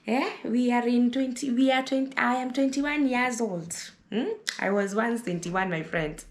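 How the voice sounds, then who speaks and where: A woman's voice: fairly high pitch, normal speed, roomy sound. A Kenyan woman in her thirties gives motherly advice straight to camera, lecturing and repeating herself to drive points home. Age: 30s. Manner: motherly, lecturing, repeats words and says "listen" often. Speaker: vlogger giving advice. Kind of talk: casual advice monologue to camera.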